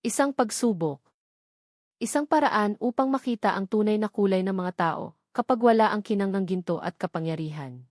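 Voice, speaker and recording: This scripted, dramatic romance story is narrated by a woman with a Filipino accent, speaking at a moderate pace in a mid-range, darkish voice. The audio is dry and of studio quality.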